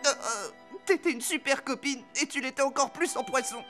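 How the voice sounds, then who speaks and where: An actor voicing an excitable, goofy young cartoon superhero. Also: male voice, extremely high pitch, normal speed. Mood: sad, awkward. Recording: loud music behind the voice.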